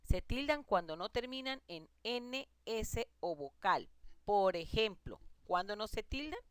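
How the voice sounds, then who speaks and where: A woman's voice: medium pitch, big pitch swings, measured pace, clear, resonant tone, no echo. A woman teacher giving a recorded grammar lesson, explaining rules patiently and listing examples one by one.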